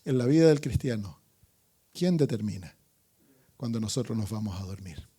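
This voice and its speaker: Preaching an evangelistic sermon as pastor, a man with a husky voice on the low side speaks expressively at normal speed. He moves dramatically between loud calls and hushed asides while asking the congregation questions and calling for amens.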